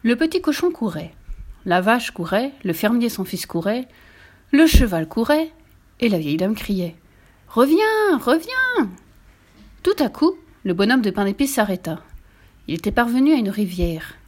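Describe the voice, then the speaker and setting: Lady reading a kids' fairy tale, lively storyteller voice. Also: medium pitch, moderate pace. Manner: lively, voices each character. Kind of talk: fairy tale read aloud.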